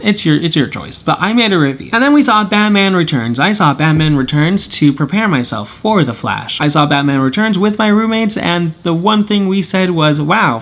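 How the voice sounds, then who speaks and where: A young man reviewing films and shows in a casual vlog, rambling and correcting himself as he talks, with pitch jumping high and low for emphasis. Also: fairly bright tone. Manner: rambling, self-correcting, chuckles often. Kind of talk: casual monthly review chat.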